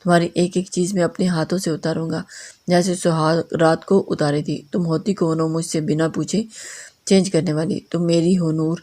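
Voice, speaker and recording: Woman voicing a young husband, possessive, angry, commanding, lowish pitch, warm tone, storybook reading. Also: level tone.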